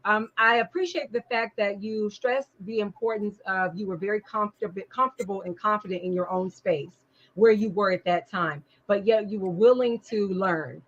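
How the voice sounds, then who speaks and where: A woman's voice: mid-range voice, normal speed. Female talk show host, encouraging, long rephrased questions, slightly muffled recording. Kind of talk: interview conversation.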